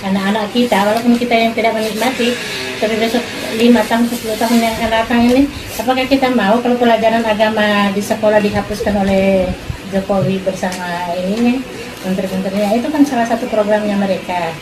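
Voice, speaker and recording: A woman's voice: mid-range voice, steady tone, fast. A woman earnestly arguing a political point, asking rhetorical questions to her listeners. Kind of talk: persuasive casual talk. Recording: echoey room with background noise.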